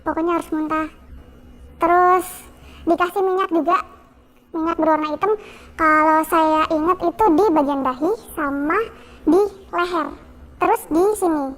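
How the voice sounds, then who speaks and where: A young woman guest telling her own story in a halting, repetitive way with many fillers. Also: very high-pitched, fairly even intonation, fairly bright tone. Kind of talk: personal testimony.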